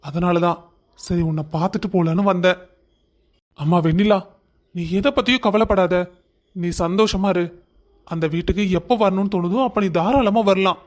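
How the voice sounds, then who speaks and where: A man voices a warm-hearted old father-in-law, gentle, high-pitched for a man. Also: normal speed, pauses often, close to an everyday voice. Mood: reassuring. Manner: gentle, reassuring. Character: kind elderly father-in-law, gentle and protective.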